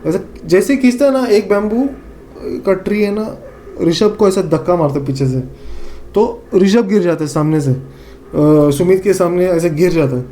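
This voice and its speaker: Guy w northeast indian accent telling a scary story, kinda high voice, mellow tone, faint hiss behind. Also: moderate pace. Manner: animated, acts out friends' lines, many fillers and repeats. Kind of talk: casual spoken horror storytelling.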